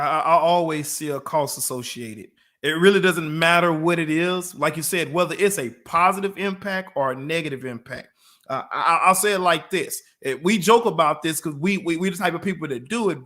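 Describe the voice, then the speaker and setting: A man co-hosting a motivational talk show, telling everyday stories and acting out quotes with lively energy. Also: on the high side. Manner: storytelling with lively acted-out quotes. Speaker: co-host.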